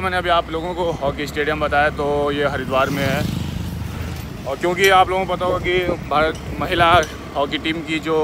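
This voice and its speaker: A man's voice: medium pitch, heavy background noise. A young man chatting casually to his viewers while vlogging outdoors, filmed on a handheld phone. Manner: chatty, addresses viewers as friends. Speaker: travel vlogger. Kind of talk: casual vlog narration. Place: outdoors on streets and a rooftop. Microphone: phone camera at arm's length.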